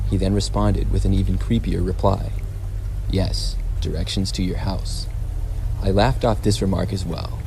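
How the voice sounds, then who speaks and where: A man narrating a scripted first-person story in a measured, plain storytelling delivery. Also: low-pitched, gravelly, background noise. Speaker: narrator of horror stories.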